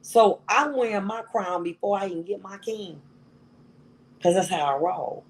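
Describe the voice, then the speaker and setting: A woman's voice: mid-range voice, normal speed, poor audio. A middle-aged woman giving a motivational talk to an audience, emphatic and repeating phrases for effect. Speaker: motivational speaker.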